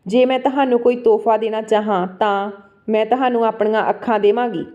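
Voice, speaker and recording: A woman voicing a troubled young wife, fearful and pleading, in a soft storytelling read. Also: on the high side, fairly even intonation, fairly quick, close to an everyday voice. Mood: tender. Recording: dull lo-fi recording.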